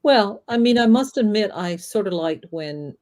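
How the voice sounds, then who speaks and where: A woman co-hosts a review podcast in a casual discussion, her mid-range, darkish voice moving with lively intonation at a normal speed. She rambles, filling pauses with many fillers as she hunts for words.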